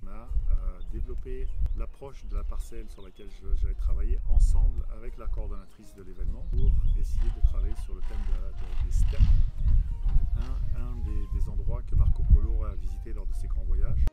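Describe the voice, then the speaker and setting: A French-born man, a land artist, speaking in an interview with some halting pauses. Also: on the low side, steady tone. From France. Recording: music playing underneath.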